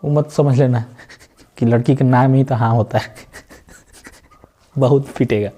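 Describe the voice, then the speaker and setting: A man's voice: medium pitch, steady tone, measured pace, dark tone. A man teaching a math class, chatty and joking, often stopping to ask if the students understand. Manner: keeps asking if students understand, jokey asides. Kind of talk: chatty classroom lesson with side talks.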